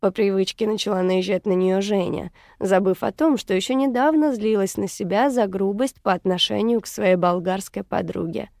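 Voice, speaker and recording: A woman narrating a story in a measured, even reading voice. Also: medium pitch, gravelly, no room sound, studio quality. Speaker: audiobook narrator. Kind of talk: scripted narration.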